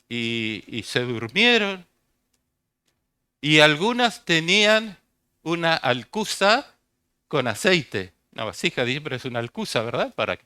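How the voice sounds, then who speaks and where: A man's voice: on the high side, bright, forceful tone, dry recording, studio quality. An older man preaching a sermon as pastor, speaking, often asking the congregation questions and repeating key phrases.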